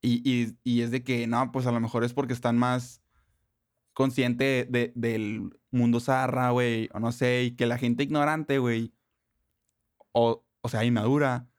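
Casting: young man, northern Mexican accent, mid-pitched, casual and foul-mouthed with heavy slang, close dry sound. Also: little pitch movement, unhurried, no echo. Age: young adult. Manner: profane, heavy street slang. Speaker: interview guest.

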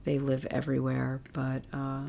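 A middle-aged woman, a guest on her daughter's podcast, speaking earnestly and hesitantly with halting restarts. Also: a bass voice, completely flat delivery, creaky, warm tone, a little hiss or hum. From United States. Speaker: guest, the host's mother. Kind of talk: casual chat.

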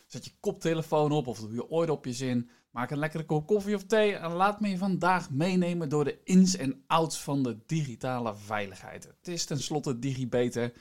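A man hosts a podcast, explaining things in a semi-scripted way and addressing the listener directly. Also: on the high side. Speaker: podcast host.

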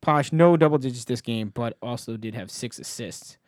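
A man's voice: medium pitch, moderate pace, no room sound, clean studio sound. A man hosting a podcast, talking sports in a casual, conversational style. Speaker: podcast host.

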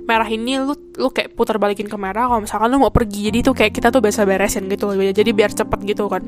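A young Indonesian woman hosts a podcast from a room in Taiwan, telling a story in a casual, chatty way packed with fillers like "kayak" and "gitu kan." Her voice is medium-pitched with fairly even intonation, she talks fast, and music plays in the background.

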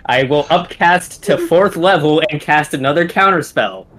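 A man's voice: fairly high pitch, moderate pace, fairly bright tone. A man playing a tabletop game, brash and cocky, swearing freely. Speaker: player.

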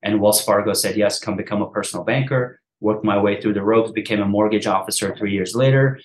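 A man in his thirties from Afghanistan, a podcast host telling his story in a casual interview, talking fast with lots of restarts and "man". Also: lowish voice, steady tone. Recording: echoey room.

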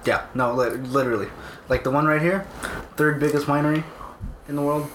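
A man's voice: fairly high pitch, steady tone, a little fast, a bit bright. Casting: young male podcast co-host, Californian accent, casual slangy storyteller, echoey room sound. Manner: slangy, sweary. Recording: roomy echo, faint background noise.

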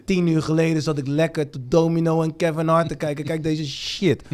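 A man's voice: a little high, little pitch movement, a little fast, a little mellow, clear, resonant tone. A man hosting a bar podcast, telling a story casually with slang and laughter. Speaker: podcast host.

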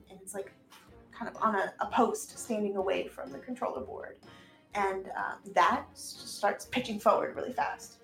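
A woman's voice: medium pitch, creaky. Woman running a tabletop game, casual and encouraging, roomy echo, bit of music under. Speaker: game master and host. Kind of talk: improvised tabletop game narration. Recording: echoey room, music behind.

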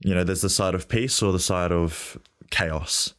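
A young man hosting his own podcast, speaking reflectively with a husky voice while getting over a cold. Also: deep voice, unhurried, a bit bright. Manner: reflective, loose, frequent fillers and throat clearing. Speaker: podcast host. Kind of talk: solo podcast monologue.

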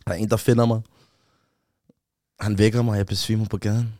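A young man from Amager, Denmark, telling a personal story in a casual chat, animated and often checking that the listener follows. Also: on the low side. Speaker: guest, rapper.

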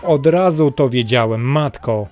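A man voicing the sun in a fairy tale, a mighty, radiant figure with a booming, commanding yet kind manner. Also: measured pace, music in the background, lightly acted.

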